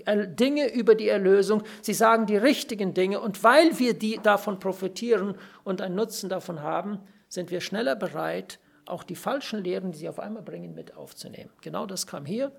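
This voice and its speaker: A preacher giving an earnest sermon, stressing key phrases through repetition and pausing now and then to search for words. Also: mid-range voice, gravelly, husky. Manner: pauses to search for words with fillers. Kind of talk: sermon on a Bible passage.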